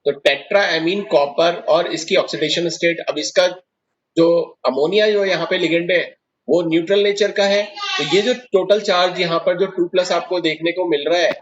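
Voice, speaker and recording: Fairly high-voiced male chemistry teacher. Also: fairly even intonation, normal speed, lo-fi sound. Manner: explains step by step, asks students questions. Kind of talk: classroom lecture at a board.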